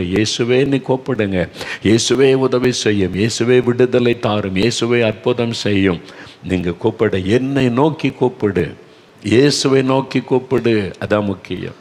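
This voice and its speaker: Earnest low-voiced Tamil preacher man. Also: a little mellow. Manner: earnest, exhorting, often quoting callers in a raised voice. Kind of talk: devotional sermon. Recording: long hall reverb.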